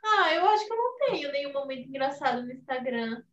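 A woman's voice: high voice, sing-song, quick pace, highs cut off. A woman co-hosting a casual podcast chat, chiming in with teasing remarks. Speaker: podcast co-host. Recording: roomy echo.

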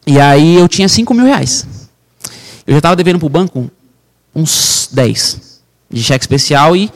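On a podcast, a Brazilian man who works as a real estate broker recounts an emotional story from his life, intensely and fervently, and calls the listener "irmão". His voice runs on the high side, unhurried with lively intonation.

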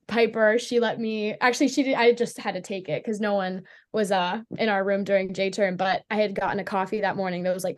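A young woman from Pittsburgh talks as a guest on a casual podcast. She is bubbly and chatty, with a mid-range pitch, and she scatters "like" through her sentences. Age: young adult. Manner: bubbly, chatty, many "like" fillers. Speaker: college hockey player, guest. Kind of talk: casual interview chat.

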